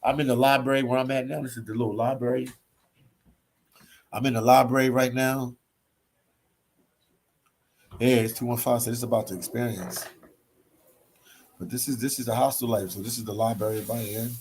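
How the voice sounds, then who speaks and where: Speaking at a normal speed with long pauses, a Philadelphia man with a medium-pitched, slightly rough voice reads and answers live chat comments from a hostel library. He's a laid-back travel vlogger who repeats phrases and keeps tacking "man" onto his sentences.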